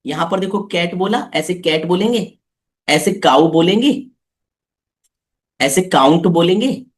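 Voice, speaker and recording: A man's voice: high-pitched, animated, a little slow. A man teaching a live online class for children, coaxing them with repeated questions.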